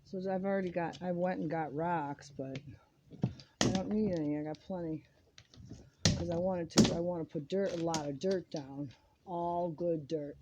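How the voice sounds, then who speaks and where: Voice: mid-range voice, fairly even intonation, moderate pace. A home gardening vlogger giving a casual hands-on demonstration, chatty and rambling as they work, filmed partly outdoors on a handheld phone. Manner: chatty and rambling, talks while working. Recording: noisy home video with handling clicks.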